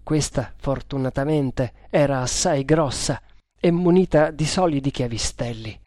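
A man giving a dramatic, measured reading of an adventure novel as narrator. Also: medium pitch, darkish tone, no echo, studio quality. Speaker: audiobook narrator. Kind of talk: scripted narration.

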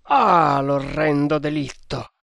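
An indignant temple zealot calls for revenge in sharp exclamations, as a male reader puts him on. The voice is raised and recorded dry and close. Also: fairly high pitch, animated, measured pace, no echo.

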